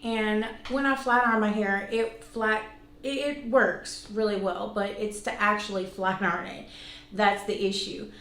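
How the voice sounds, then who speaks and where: A woman of about forty talks casually to viewers as she reviews products on her vlog, peppering her informal chat with self-deprecating remarks. Her pitch is medium and her intonation fairly even, with a measured pace and a slightly bright quality. Faint noise and an echoey room color the audio.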